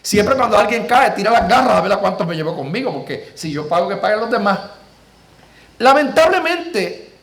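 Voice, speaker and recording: A man's voice: high voice, very animated, normal speed, vocal fry, a bit bright. A man preaching a sermon, telling a story with emphatic, repetitive lines and rhetorical questions. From Puerto Rico. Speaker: pastor.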